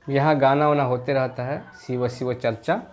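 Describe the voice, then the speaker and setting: A man teaching a children's maths class, explaining slowly and repeating each point patiently, and reading the English text aloud very slowly. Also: medium pitch, fairly even intonation, darkish tone. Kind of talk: explaining a school maths lesson.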